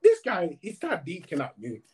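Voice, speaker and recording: A man's voice: fairly high pitch, moderate pace. A young man, chatting casually in slangy, sweary stories. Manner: slangy, animated storytelling with frequent swearing. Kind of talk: casual group chat.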